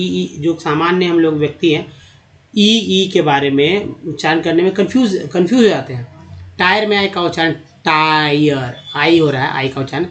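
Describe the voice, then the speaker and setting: A man teaching how to read English, spelling out words letter by letter and pausing with fillers as he explains. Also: high voice. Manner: addresses viewers as friends, spells words letter by letter, halting with fillers. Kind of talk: explanatory lesson.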